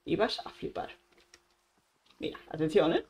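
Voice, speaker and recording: A woman's voice: deep voice, very animated, a little slow, darkish tone. A woman with an accent from Spain giving casual, chatty let's-play commentary, talking straight to her viewers and using lots of playful diminutives. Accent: Spain Spanish. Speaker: gaming channel host.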